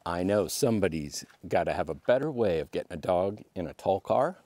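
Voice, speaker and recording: A man's voice: deep voice, lively intonation, brisk, a little mellow, no echo. A man in his thirties giving casual, laid-back camping tips outdoors at a wooded campsite. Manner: laid-back, chatty, talks to his dog. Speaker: overlanding vlogger. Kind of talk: casual how-to vlog.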